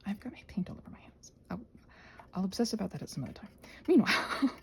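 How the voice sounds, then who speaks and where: Here an ASMR creator talks fast and with lots of animation in a mid-range voice, though it stays soft and breathy and frequently drops to a whisper. Her casual, rambling chat is full of self-questioning and thinking out loud.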